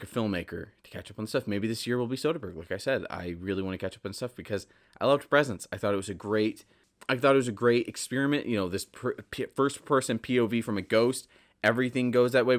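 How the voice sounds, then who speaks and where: Hosting his podcast solo, a man in his 20s rambles casually and with emphasis, often repeating himself. He sounds slightly congested, and his voice is lowish and fairly bright.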